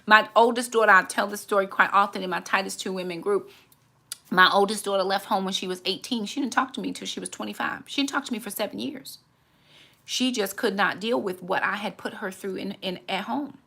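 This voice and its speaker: A woman's voice: mid-range voice, a little fast, vocal fry, pushed and bright. A woman in her forties hosting a candid, reflective faith talk, earnest and often repeating words as she gathers her thoughts. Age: 40s.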